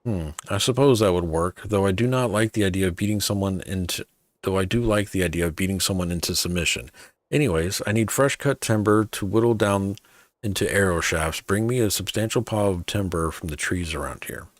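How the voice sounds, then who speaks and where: An exasperated archer acted by a man who orders people about haughtily, like a quest-giver in a fantasy game. His pitch sits a little above the performer's usual, in a dry close recording. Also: brisk, no room sound, natural voice. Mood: grudging. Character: irritable, bossy male archer with violent demands. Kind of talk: video game quest role-play.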